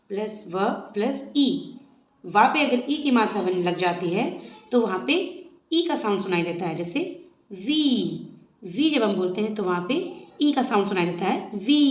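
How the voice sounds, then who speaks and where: A young woman teaching a slow classroom lesson, spelling words out syllable by syllable and then blending them. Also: medium pitch. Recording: echoey room.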